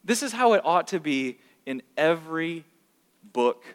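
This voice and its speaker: A man teaching scripture to a group, asking the room questions and getting louder and higher when he makes a point. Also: unhurried. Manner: animated, asks the room questions, rises in pitch when emphatic. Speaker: pastor teaching a class. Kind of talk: interactive Bible teaching. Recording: long hall reverb.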